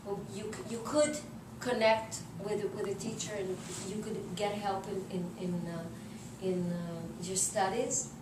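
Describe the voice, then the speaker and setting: A middle-aged Israeli journalist is interviewed informally while seated in an armchair in a living room, sharing personal anecdotes in halting, non-native English as she searches for words. Her voice is medium-pitched and steady. A distant camera mic makes the recording roomy and noisy.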